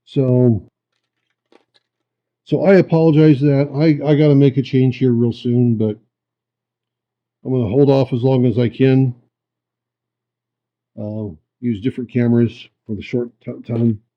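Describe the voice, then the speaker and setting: A man giving a folksy, unhurried hands-on demonstration, thinking aloud, his voice muffled by a camera microphone. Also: mid-range voice, steady tone. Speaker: host of a rock tumbling hobby channel. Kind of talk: casual hands-on demonstration talk. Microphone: camera's built-in microphone.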